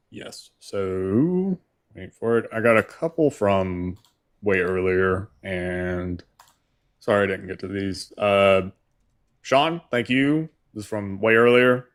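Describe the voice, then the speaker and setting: A man in his thirties co-hosting a live stream, reading supporter messages aloud in an easy way. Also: fairly low pitch. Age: 30s. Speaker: co-host.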